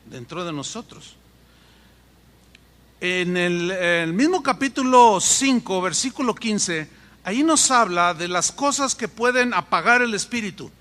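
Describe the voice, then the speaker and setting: A man preaching a sermon as pastor, animated and acting out voices in his stories. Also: high voice, measured pace. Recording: echoey hall with long reverb.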